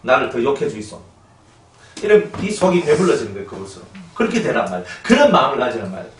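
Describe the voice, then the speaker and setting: A man's voice: medium pitch, very animated, rapid-fire, a little hiss or hum. A man with a Gyeongsang accent preaching a sermon in a folksy, teasing way. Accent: Gyeongsang Korean. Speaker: pastor. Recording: echoey room, distant mic.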